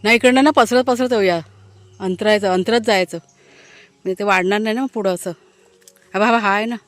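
A woman's voice: mid-range voice, moderate pace, no room sound. A woman family vlogger chatting casually to her viewers while she works outdoors in a village garden, talking fondly to her dogs, recorded on a handheld phone.

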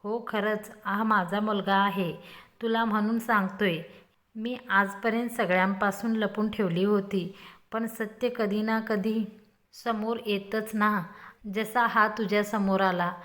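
A woman's voice: mid-range voice, fairly even intonation, moderate pace, lightly acted. A woman voicing a playful, scheming young man who talks in a teasing, mock-dramatic way.

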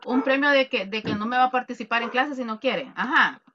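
A woman with a Salvadoran accent teaching an online English class, lively and joking as she quizzes her students. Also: on the high side, fairly quick, highs cut off, noisy background. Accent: Salvadoran Spanish.

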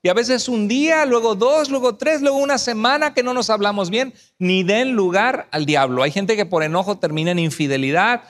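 A man with a rather high voice preaches to couples at a church conference. He tells marriage stories in a lively way and slips into little acted quotes. He also reads out scripture verses in a sermon tone. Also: normal speed, few pauses, in a large hall. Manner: lively storytelling, acting out quoted arguments. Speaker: pastor speaking at a couples conference.

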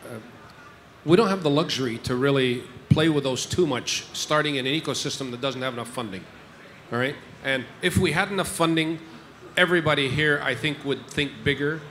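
On a stage inside a large tent, a man speaks into a handheld mic as an investor on a panel before an audience. His voice is on the high side, brisk and fairly bright, with a little hiss or hum. He's emphatic, repeating his points and checking in with the crowd.

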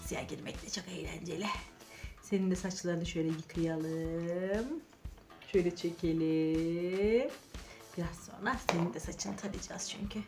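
A woman hosting a children's channel narrates toy play playfully, encouraging the toys in a sing-song way. Her voice is lowish and a little slow, and music plays under it in the background.

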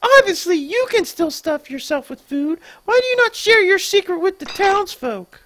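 Earnest young woman, high and questioning, voiced by a let's-play reader. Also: big pitch swings, normal speed, fairly bright tone, a little hiss or hum, full character voice. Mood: pointed.

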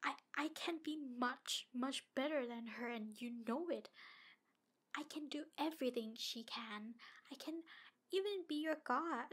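In an ASMR roleplay, a woman voices a jealous, obsessive yandere demon woman. Her voice is high-pitched and fairly bright, breathy and halting, and often slips toward a whisper.

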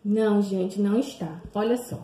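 A Brazilian woman teaching young children, drawing words out slowly and sing-song, with many questions to the class. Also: medium pitch, steady tone, mellow. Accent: Brazilian Portuguese. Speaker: primary school teacher. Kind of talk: remote lesson for young children. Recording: echoey room.

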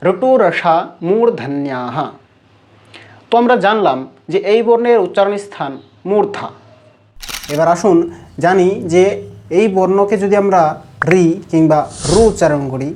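A man with a Bengali accent teaching Sanskrit pronunciation in a measured lesson, slowing down to recite rules. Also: sits high, a little mellow. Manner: measured, chants sutras slowly. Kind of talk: explanatory lesson.

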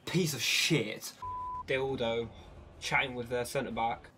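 A man's voice: mid-range voice, steady tone, slow pace, very noisy. A young man commentating on his video game as a raging, exasperated, sweary gamer. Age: young adult. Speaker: gamer streaming video games. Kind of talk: frustrated gameplay commentary. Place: small bedroom, indoors.

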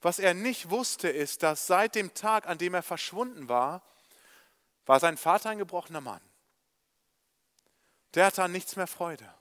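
A preacher with a high voice tells a parable in a church, then turns to address his listeners directly. His storytelling is animated and personal. It sounds like an evangelistic sermon. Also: measured pace, pauses often.

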